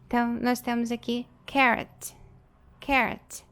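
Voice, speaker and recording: A Brazilian woman in her thirties teaches English pronunciation, saying each example word several times. She speaks slowly and with care, and her voice sits on the higher side. She sounds like a patient teacher. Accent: Brazilian Portuguese. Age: 30s. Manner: slow, patient, repeats words to model sounds. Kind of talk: pronunciation lesson.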